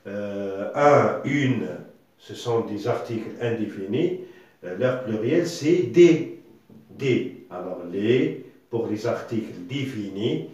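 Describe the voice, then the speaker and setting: A man whose first language is Arabic teaches a slow, deliberate grammar lesson, repeating words and checking that the class is following. His voice is medium-pitched and a little mellow, recorded far from the mic in an echoey room.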